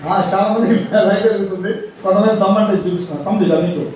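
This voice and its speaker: A man with a very high voice and a leads schoolchildren through a quick call-and-response game. He sounds distant and very echoey. A crowd of children and steady noise sit behind him. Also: lo-fi sound. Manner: animated, calls out commands for a game. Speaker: psychologist. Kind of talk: motivational session with schoolchildren. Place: school gathering.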